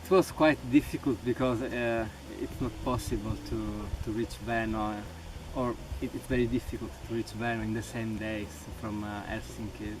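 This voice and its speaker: A young man from Sicily, an Italian speaker, answering questions about volunteering in a halting way with many restarts. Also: on the low side, fairly even intonation, noisy background. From Sicily, Italy. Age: young adult. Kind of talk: interview answers. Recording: distant mic with loud music.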